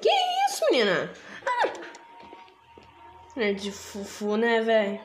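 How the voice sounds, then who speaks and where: A woman's voice: medium pitch, wildly swooping pitch, slow. Profane Brazilian woman playing a horror game. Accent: Brazilian Portuguese. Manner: casual, profane, laughing at the game. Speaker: gaming channel host. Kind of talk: let's play commentary. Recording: echoey room, game music behind.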